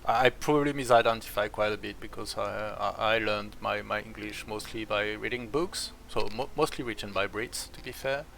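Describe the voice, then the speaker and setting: Chatting in English with a French accent as he plays a strategy game, this Frenchman rambles and hesitates, yet pauses only rarely. His voice sits on the low side, gravelly and a bit bright, at a moderate pace, with slight background noise.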